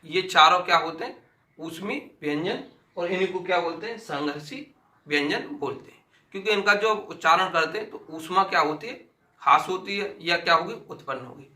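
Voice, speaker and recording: A man's voice: sits high, pushed and bright, reverberant. A man teaching an exam-prep grammar lesson, repeating sounds aloud and asking and answering his own questions.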